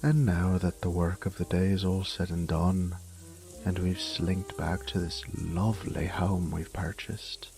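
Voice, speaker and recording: With a deep, warm voice, a man plays a charming reformed thief who is also a flirtatious, tender fiancé in an intimate romantic audio roleplay. He murmurs and slips into whispers, sounding mock indignant.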